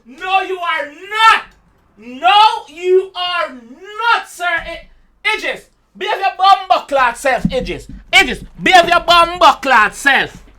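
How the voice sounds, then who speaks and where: A young man with a Jamaican accent gives an excitable reaction commentary, full of loud exclamations and swearing. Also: very high-pitched, takes it slowly. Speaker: music reaction host.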